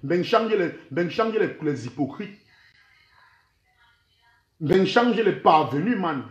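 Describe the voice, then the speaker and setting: High-voiced Cameroonian man, heated and threatening. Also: animated, slow, reverberant, muffled recording. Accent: Cameroonian French, mixing in Camfranglais. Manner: threatening, heated, keeps repeating "man" and "vrai". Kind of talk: angry rant filmed for social media.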